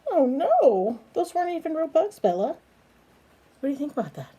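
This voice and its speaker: Her voice is high, mellow, and sing-song as she reads a picture book for children. Unhurried, she keeps breaking off to chat with her little bird companion, coaxing it with easy questions.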